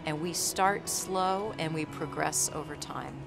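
A woman physician speaks in a calm, explanatory way, her voice sitting on the low side. She is interviewed for a documentary. Music plays clearly underneath. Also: measured pace. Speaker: physician overseeing cardiac rehab. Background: background music.

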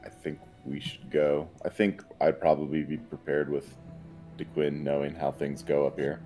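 Man, player, extremely low voice, brisk, matter-of-fact. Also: little pitch movement, mellow, faint music behind.

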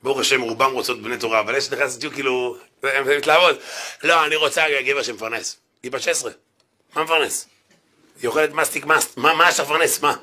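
A man, a rabbi, giving an animated Torah lecture in a synagogue, joking and acting out little quotes. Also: mid-range voice.

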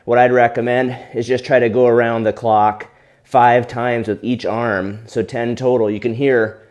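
A man's voice: mid-range voice, normal speed. Man coaching shoulder exercises. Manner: relaxed coaching, talks while demonstrating. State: out of breath during exercise. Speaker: physical therapy instructor. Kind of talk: instructional exercise demonstration.

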